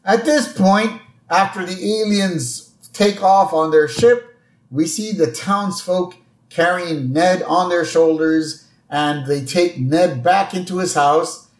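A man co-hosting a podcast, chatting casually as he recaps a cartoon episode and slips into quick character voices. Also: sits high, reverberant. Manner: retells scenes with quick put-on character lines. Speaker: podcast co-host.

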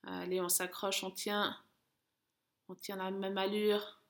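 A woman working as a running coach, guiding an interval session with urging, encouraging calls and countdowns in a creaky voice. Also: mid-range voice, level tone, takes it slowly. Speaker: running coach and podcast host. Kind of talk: guided interval-training coaching. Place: at home, indoors.

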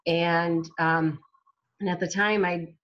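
A woman who self-published a book speaks as an interview guest, giving her personal testimony while she recovers from a brain injury. Her delivery is halting, full of restarts and fillers, in a lowish, steady voice with a slightly bright edge. The audio itself sounds dull.

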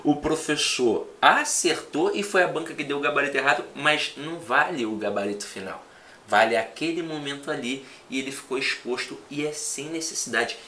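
A man who teaches for exam prep, chatting in a relaxed conversation and telling animated stories. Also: mid-range voice, normal speed, slight background noise. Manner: animated storyteller, acts out quoted students. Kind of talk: casual podcast conversation.

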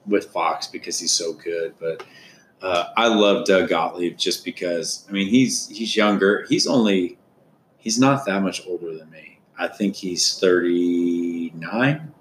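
A man's voice: deep voice, measured pace, a bit bright, roomy sound, slight background noise. A man in his thirties co-hosting a casual sports podcast, rambling and restarting his sentences. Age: 30s. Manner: rambling, repeats words, many restarts. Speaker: podcast co-host.

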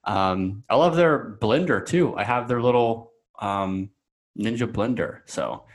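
A man speaking as a podcast guest in a relaxed, rambling way, full of fillers and self-corrections. His voice sits on the low side. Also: unhurried. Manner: rambling, chatty, many fillers and restarts. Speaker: coaching client guest. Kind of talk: casual podcast conversation.

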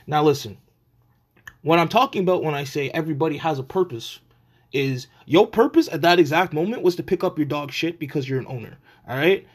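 A man hosting a solo podcast, telling stories and ranting in a casual, profane, slang-heavy and animated way. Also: a little high, husky. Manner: profane, blunt, animated street-slang delivery. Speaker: podcast host.

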